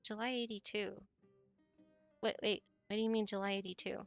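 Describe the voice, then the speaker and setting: A woman's voice: medium pitch, flat delivery, brisk, creaky, dry recording, dull audio, soft background music. A woman in her forties, chatting casually with viewers on her stream, rambling and often correcting herself mid-sentence. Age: 40s.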